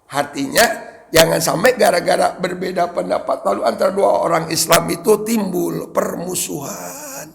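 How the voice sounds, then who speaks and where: A man's voice: high-pitched, normal speed, creaky, long reverb tail. A man with a Sundanese accent, a preacher giving a religious study lecture to his congregation and explaining Arabic text line by line with joking asides. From West Java, Indonesia. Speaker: Islamic preacher.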